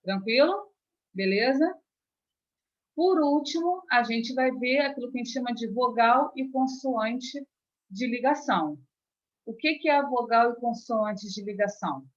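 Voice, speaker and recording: Brazilian lady teacher going thru grammar, slightly high voice, kinda muffled recording. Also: animated, unhurried. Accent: Brazilian Portuguese. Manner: explains step by step with frequent check-ins. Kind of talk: grammar lesson. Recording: dull lo-fi recording.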